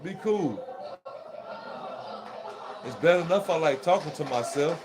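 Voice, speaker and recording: Vlogger type: man with a high voice, loose and foul-mouthed, chuckling between lines over loud hiss and crowd chatter. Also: animated, measured pace. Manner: profane, rambling, laughs through his talk. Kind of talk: casual monologue to viewers. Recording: noisy recording with crowd chatter behind.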